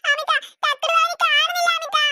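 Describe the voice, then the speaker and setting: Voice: very high-pitched, level tone, fast, sharp tone, dry recording, exaggerated voice. A voice actor doing sobbing cartoon kids. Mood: tearful. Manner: sobbing, pleading. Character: small crying children, upset. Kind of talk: Malayalam cartoon voice acting.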